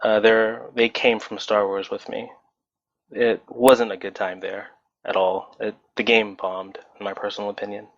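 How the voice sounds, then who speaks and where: Low-voiced man in his twenties. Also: moderate pace, vocal fry, dry recording. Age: 20s. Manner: relaxed, rambling, frequent fillers. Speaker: guest. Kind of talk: casual podcast chat. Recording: dry, dull lo-fi voice chat audio.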